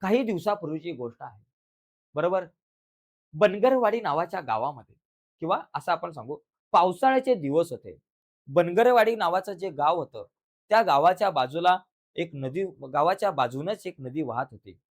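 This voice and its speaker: A man teaching an exam revision lesson in a Marathi accent, telling a story dramatically with sound effects and cries, then giving calm writing instructions. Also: on the high side, normal speed.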